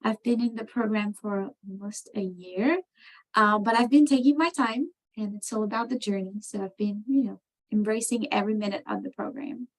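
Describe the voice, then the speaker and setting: A woman from France, answering interview questions on a video call, talking thoughtfully with many pauses and fillers. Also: mid-range voice, steady tone, low-quality recording. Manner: thoughtful, many ums and you knows. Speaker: program participant.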